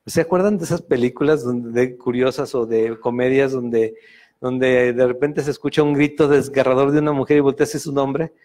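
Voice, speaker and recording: A pastor with a Mexican Spanish accent leads a Sunday Bible study sermon in a church meeting room. His mid-range, darkish voice holds fairly even intonation at normal speed. He speaks conversationally, with frequent fillers and self-corrections.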